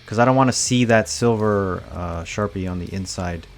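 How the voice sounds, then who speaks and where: A man in his thirties with a fairly low voice walks through each craft step in a relaxed, matter-of-fact way. It is a casual tutorial voice-over. Faint music plays underneath. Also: moderate pace. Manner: relaxed, plain step-by-step explaining. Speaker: cosplay prop maker. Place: home workshop, indoors.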